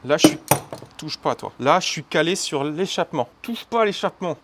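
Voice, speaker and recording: A man's voice: on the high side, animated, brisk. A man talking to himself as he works on an engine, muttering and cursing at himself. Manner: muttering, swearing, self-mocking. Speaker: mechanic vlogger. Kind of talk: talking to himself while working. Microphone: camera mic from a distance.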